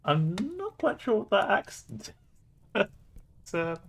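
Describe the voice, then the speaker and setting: A man's voice: high-pitched, big pitch swings, takes it slowly, gravelly. Man streamer reading a game aloud. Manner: playful, laughing asides.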